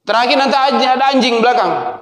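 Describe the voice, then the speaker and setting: Minangkabau man preaching, high voice, very echoey hall, lively storyteller. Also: quick pace. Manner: animated storytelling, swings between loud exhortation and low asides. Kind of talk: sermon.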